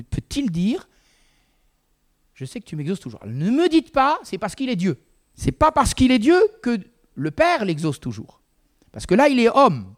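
A man preaching a sermon in a conversational way, with frequent asides to the congregation. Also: high voice.

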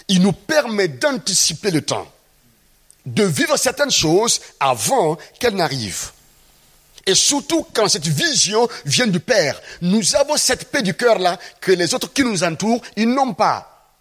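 High, lively husky-voiced preacher. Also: male voice. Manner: animated, acts out Bible scenes, asks rhetorical questions. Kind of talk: sermon.

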